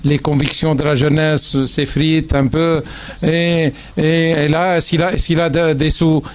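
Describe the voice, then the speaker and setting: A man's voice: a little high, little pitch movement, a little slow. A man from Tunisia speaking at a public panel debate, hesitant, with frequent fillers, restarts and wry asides.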